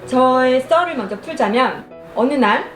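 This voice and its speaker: A young adult woman telling a story casually over food and drink, chewing while talking and speaking in an animated storyteller's manner. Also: high voice, moderate pace. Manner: animated storytelling, acts out quoted lines. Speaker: mukbang vlogger. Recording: roomy echo, music behind.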